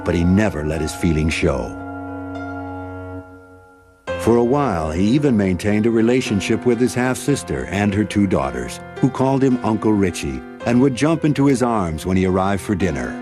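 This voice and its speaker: Deep-voiced male documentary narrator. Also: big pitch swings. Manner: measured, grave storytelling. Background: music bed.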